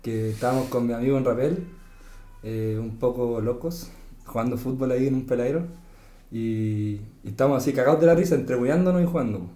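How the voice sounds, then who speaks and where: Mellow-voiced Chilean man telling a story. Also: mid-range voice, brisk. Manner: laid-back, laughing, slangy. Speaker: podcast guest. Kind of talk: casual storytelling. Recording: echoey room.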